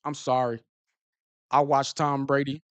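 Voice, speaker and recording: Animated man chatting on a live stream. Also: mid-range voice, a little slow, clean tone, no echo. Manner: animated, repeats himself, slangy. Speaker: football streamer host. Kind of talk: casual live-stream chat.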